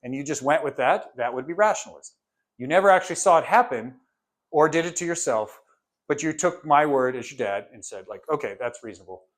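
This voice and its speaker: A male course instructor with a somewhat higher-than-usual voice talks through his lesson like a chat. He asks question after question and slips into quick impressions of students and parents to make his point. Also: lively intonation. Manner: conversational, asks many rhetorical questions; briefly acts out imagined students and parents. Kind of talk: casual lecture.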